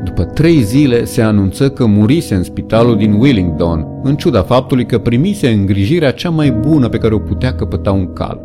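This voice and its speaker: A man's voice: medium pitch, lively intonation, few pauses, music in the background. A man reading a novel aloud as an audiobook narrator, with dramatic storytelling. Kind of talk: scripted narration.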